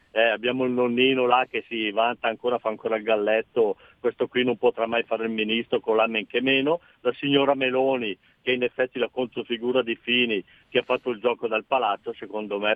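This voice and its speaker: A man from northern Italy speaks over the phone at a middle pitch, fluent and sure of his opinions. The sound is thin and boxy, a dry phone line with no room around his voice. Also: dry recording. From Crema, northern Italy. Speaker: radio call-in caller. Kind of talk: call-in opinion.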